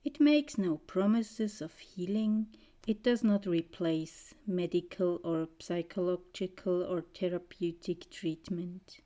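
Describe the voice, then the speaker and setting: A woman guiding a trance meditation in a soothing, mesmerizing way, with short gentle phrases and a soft, breathy voice that often nears a whisper. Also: lowish voice, takes it slowly. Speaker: guided meditation narrator.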